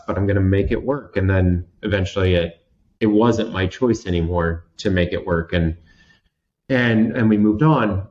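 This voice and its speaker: A fairly low-pitched man in his thirties from Washington State, USA, guesting on an interview, tells a story about himself candidly, theatrically and self-deprecatingly, starting over many times. The audio sounds dull.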